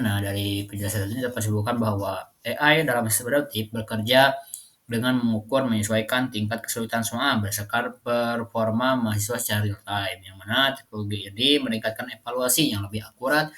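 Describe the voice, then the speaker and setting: A man's voice: lowish voice, fairly quick, fairly bright tone. A young man, a university student, giving a class presentation with frequent fillers and restarts. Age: young adult. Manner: hesitant, many fillers and restarts.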